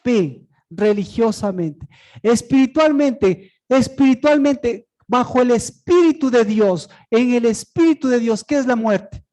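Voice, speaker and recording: A preacher giving a sermon, asking and answering their own rhetorical questions, with sudden swings from loud high cries down to low murmurs. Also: lively intonation, a little slow, low-quality recording.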